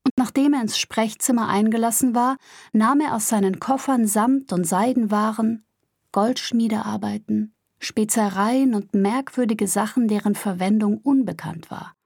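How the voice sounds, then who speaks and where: A woman narrating a story aloud in a calm, measured way. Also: fairly high pitch, vocal fry, husky, dry recording, clean studio sound. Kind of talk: scripted audiobook narration.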